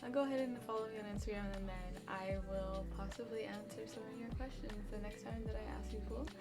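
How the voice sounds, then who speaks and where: A young woman streamer talks casually over clear background music. Her speech has a lisp from wearing new braces, and she rambles along in a chatty, gushing way at an average pitch. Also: fairly even intonation, fast talker. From Los Angeles. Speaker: game streamer. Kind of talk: casual Q&A vlog.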